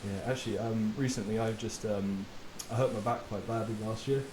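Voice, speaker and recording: This podcasting personal trainer's voice sits on the low side, and he speaks fairly quickly in an easygoing, conversational way. He laughs easily and swears occasionally. A steady hiss runs through the spacious-sounding recording.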